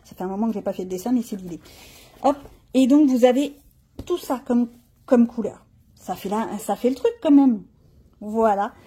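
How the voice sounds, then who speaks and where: This middle-aged woman's voice is fairly high and mellow, moving at a moderate pace with long pauses, and there's a little hiss or hum. She chats casually in a show-and-tell about her art supplies, thinking aloud as she demos them and dropping frank slangy asides.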